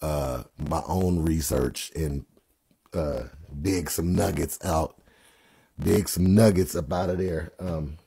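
Man hosting a live stream, dark husky voice, loose and chatty with viewers, phone mic. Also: extremely low pitch, fairly even intonation. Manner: slows down to read scripture aloud. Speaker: livestream host and gospel rapper. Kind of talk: casual livestream Bible talk.

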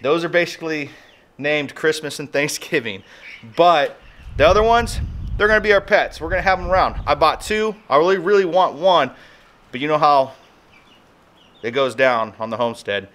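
A man in his thirties with an American accent vlogs about his homestead, speaking to camera in a casual, folksy, colloquial style. His voice is a little high and a bit bright, at a moderate pace. The yard and garage settings bring background noise, outdoor wind, and birdsong.

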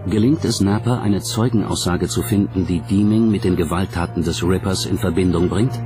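A man with a low-sitting voice reads scripted documentary narration at a normal speed. A music bed plays underneath him.

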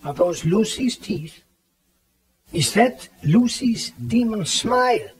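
Grave old professor, audio horror drama. Authoritative, theatrical, swooping intonation, deliberate delivery. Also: male voice, high voice, expressive, rough recording. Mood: grim, solemn. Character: commanding, grave elderly professor and vampire hunter. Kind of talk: dramatized audio play acting. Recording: 1979 cassette audio drama, background bustle.

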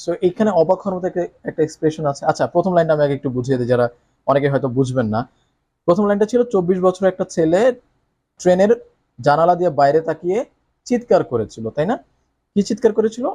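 With a warm, animated, slightly high voice, a man teaching English explains reading a story aloud. He tends to read lines slowly and theatrically, asking the listener tag questions along the way.

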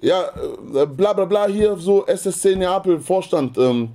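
Ein Mann spielt einen höflichen, aber bestimmten italienischen Vereinsfunktionär, der Deutsch mit italienischem Akzent spricht. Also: male voice, sits high, lively intonation, measured pace, mellow, pitched above the performer's own voice. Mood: conciliatory. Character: polite but firm Italian football club official, man.

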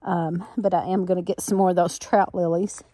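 A middle-aged woman narrates a casual walk through the woods behind her farmhouse, filming with a handheld camera in a chatty, folksy style with easy laughter and many fillers. She speaks fairly quickly in a lowish, warm, flat voice, with no room sound.

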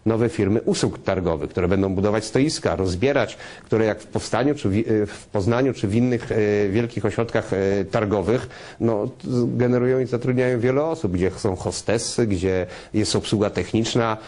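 A man answering in an unscripted TV interview as a business executive, halting and promotional, speaking directly to viewers. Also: fairly low pitch, warm tone. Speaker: interview guest, trade fair business executive.

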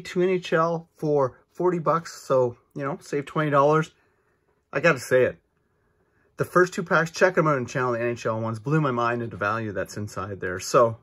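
A man talks through a card unboxing at a table in a casual, enthusiastic way. His voice sits a little high with a husky edge, and his pitch jumps around a lot as he gets excited. He keeps up a running stream of asides. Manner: chatty and enthusiastic, lots of asides. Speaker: card-opening channel host. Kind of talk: casual pack-opening vlog. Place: indoors at a table, off camera.

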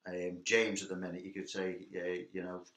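A man's voice: low voice, completely flat delivery, moderate pace, a bit bright. A young man, a guest in a casual interview chat, easygoing with dry humour and some hesitant restarts. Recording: echoey room.

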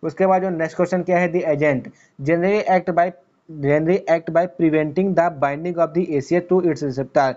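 Man teaching pharmacy with a mellow voice. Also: a little high, steady tone, highs cut off. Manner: reads English questions slowly, then explains in rapid Hindi with rhetorical questions. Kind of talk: exam-prep lecture explaining multiple-choice answers.

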